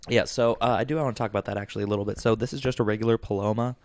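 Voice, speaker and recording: A young man co-hosting a casual podcast, rambling and animated, with lots of fillers. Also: on the low side, racing, no echo. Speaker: podcast co-host. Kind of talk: casual chat.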